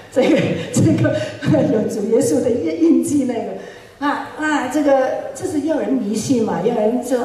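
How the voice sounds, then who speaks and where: A woman preacher telling a personal testimony in a sermon, animated and often laughing as she speaks. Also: a little high. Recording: echoey hall, mic far off.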